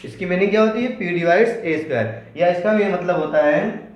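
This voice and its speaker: Male maths teacher, slightly high voice, strong room echo, patient question-and-answer explaining. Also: dull audio. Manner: explains slowly, repeats points, asks and answers his own questions. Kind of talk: classroom lesson. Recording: very echoey room.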